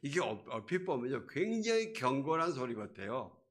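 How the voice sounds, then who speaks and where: A man's voice: mid-range voice, very animated, moderate pace. A male pastor preaching a sermon to his congregation in a church, in a conversational way, often asking them questions. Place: church sanctuary.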